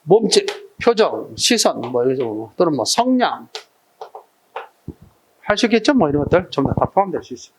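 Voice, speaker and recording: A male exam-prep teacher lecturing a live class, quizzing students with short questions, his throat irritated and often cleared. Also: fairly high pitch, very animated, normal speed, pauses often, slight background noise.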